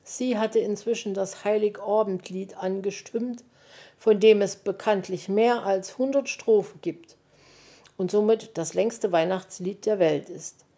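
A woman reading a children's story aloud, slipping into character voices now and then. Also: fairly even intonation. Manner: slow, gentle reading that jumps into higher voices for the animal characters.

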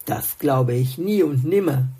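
A woman's voice: very deep voice, expressive, a little slow, dark tone, husky, exaggerated voice. A woman voicing a grumpy, puzzled little male songbird in a storybook, grumbling and doubting. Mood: grumbling, doubtful.

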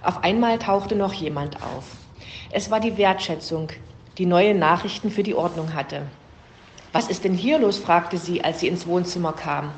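A woman's voice: lowish voice, normal speed, a little hiss or hum. A woman reading a fable aloud as storybook narration. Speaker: reader. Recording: roomy echo.

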